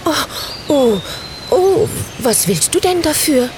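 A woman voicing an anxious young witch girl in a storybook, pitched high and pleading. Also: big pitch swings, measured pace, noisy background, exaggerated voice.

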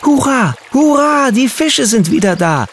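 A man voicing an excitable little boy who loves his goldfish, with a high, bubbly voice. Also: moderate pace, a little hiss or hum. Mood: overjoyed. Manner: high, bubbly, shrill when overjoyed.

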